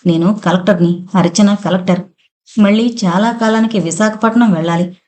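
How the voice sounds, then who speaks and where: A woman's voice: mid-range voice, steady tone, normal speed, a little mellow, close to an everyday voice. A woman voicing an ambitious young woman officer who exults in her success. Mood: triumphant. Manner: triumphant, exultant.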